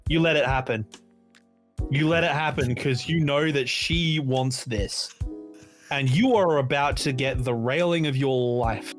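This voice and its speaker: A man's voice: mid-range voice, unhurried. An Australian man in his late twenties with an ordinary mid-range voice, telling stories and explaining at length in a loose podcast chat. Faint music plays under him. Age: 20s. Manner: animated storytelling, explaining at length. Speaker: podcast co-host.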